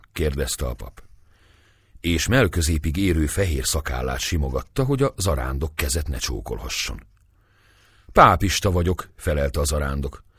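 Deep husky storybook narrator. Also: male voice, no room sound, studio quality. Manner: expressive, measured reading. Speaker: audiobook reader.

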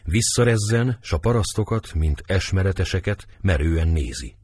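Male play reader, very deep, lively intonation, measured. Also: breathy edge, dry recording, studio quality. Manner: subdued, measured stage directions. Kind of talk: reading a stage play aloud.

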